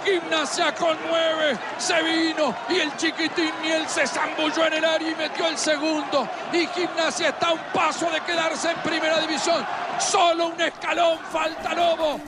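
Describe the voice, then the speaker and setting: An Argentine man giving breakneck football goal commentary, impassioned and shouting, with drawn-out calls and repeated phrases. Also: extremely high pitch, little pitch movement. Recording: loud stadium crowd roar, noisy broadcast. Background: roaring football crowd.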